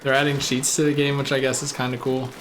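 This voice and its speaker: A man's voice: mid-range voice, monotone, fast, background noise. Laid-back, chuckling man gaming. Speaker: co-host. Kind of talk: casual gaming chat while playing. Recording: game music playing behind.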